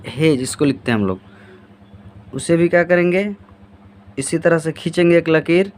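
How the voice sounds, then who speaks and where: A man's voice: a little high, a little hiss or hum. A man teaching Urdu handwriting step by step, asking and then answering his own questions as he writes. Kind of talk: step-by-step writing lesson.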